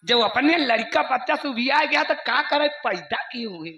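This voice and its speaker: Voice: high voice, expressive, normal speed, exaggerated voice. A performer voicing a meddling village neighbour in a folk stage play, calling out to the others. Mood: egging on. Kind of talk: live folk stage theatre. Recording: roomy stage with loud crowd.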